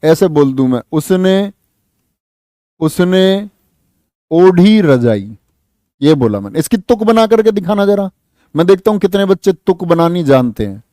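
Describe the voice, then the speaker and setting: Lively male Hindi exam-prep teacher. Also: high voice, fairly quick, no echo. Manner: lively, repeats questions to students and answers them. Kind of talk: online exam-prep lesson.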